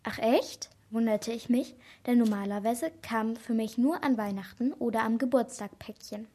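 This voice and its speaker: A woman reading a first-person children's crime story aloud, lively and giving each character a voice. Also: a little high, moderate pace.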